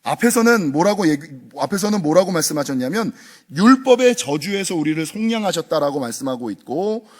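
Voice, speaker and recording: Preaching as pastor with a slightly high voice, this man delivers an emphatic sermon packed with rhetorical questions for his congregation.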